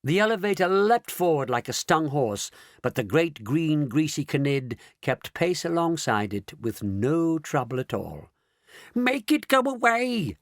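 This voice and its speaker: A man narrating a children's audiobook in an expressive, dramatic reading style. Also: fairly high pitch, measured pace, no echo, clean studio sound. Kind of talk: scripted storybook narration.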